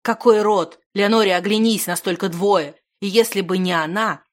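A woman reading the loud, impassioned lines of a desperate young man who turns into a dragon. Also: mid-range voice, moderate pace, natural voice. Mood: furious. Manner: shouting, impassioned. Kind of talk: audiobook character reading.

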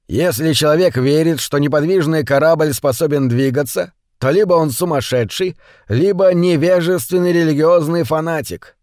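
A man's voice: fairly high pitch, darkish tone, no room sound, natural voice. Male reader doing a cold, aloof ship's captain, dry close sound. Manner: cold and condescending. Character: cool, calculating male ship captain.

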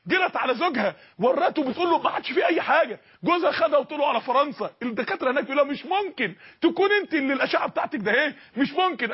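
A man's voice: extremely high pitch, slightly rough, muffled recording. A man with an Egyptian accent preaching a sermon, telling stories with passion and many repetitions. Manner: impassioned, rapid storytelling with repetitions.

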